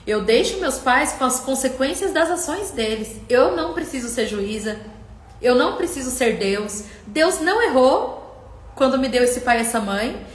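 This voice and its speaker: A middle-aged woman coach hosts a live stream, speaking with passion straight to her viewers and quoting them in acted voices during an emotional coaching talk. Her voice is on the high side, her pace moderate, and the sound reverberant.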